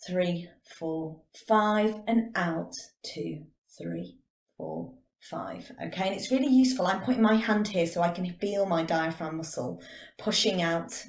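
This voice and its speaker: Woman leading a warm-up, echoey room. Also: on the low side. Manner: calm, counting out breathing exercises. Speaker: drama teacher. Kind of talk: guided vocal warm-up lesson.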